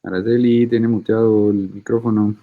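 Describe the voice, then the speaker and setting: Over tinny, phone-like video-call audio, a man lectures to university students and takes roll, teasing them informally. His pitch is fairly low with little movement, and he talks at normal speed.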